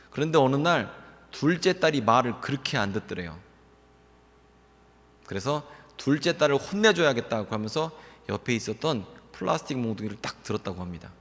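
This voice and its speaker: A pastor giving a Sunday sermon, telling a story and acting out the quoted lines of family members, then pressing the congregation with rising, emphatic questions. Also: male voice, medium pitch, fairly bright tone. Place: church sanctuary. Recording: long church hall reverb.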